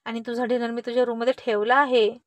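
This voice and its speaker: A scolding, exasperated mother, voiced by a woman storyteller, nagging her son in a family storybook tale. The voice is fairly high and heard dry and close. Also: level tone, fast, dry recording, close to an everyday voice. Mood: puzzled.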